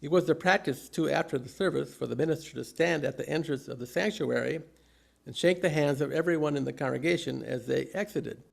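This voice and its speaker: An older man with a gravelly, creaky voice delivers a humorous sermon, telling anecdotes from notes in measured, deliberate phrases. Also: on the high side. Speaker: preacher.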